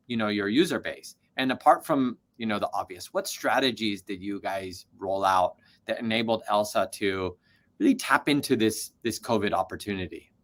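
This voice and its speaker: A man who grew up in Taiwan, hosting an interview in a friendly manner and laughing easily. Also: fairly low pitch. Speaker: podcast host. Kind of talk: interview host.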